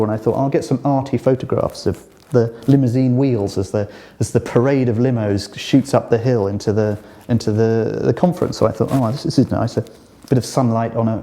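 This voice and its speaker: A British journalist in an interview telling a personal story in an animated way, with lots of fillers and restarts. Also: male voice, mid-range voice, fairly quick. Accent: British English. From Britain.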